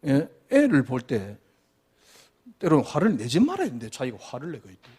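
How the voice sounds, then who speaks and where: A male pastor preaching a sermon emphatically, firing rhetorical questions and swinging between loud and hushed delivery. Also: mid-range voice, huge pitch swings, brisk, husky.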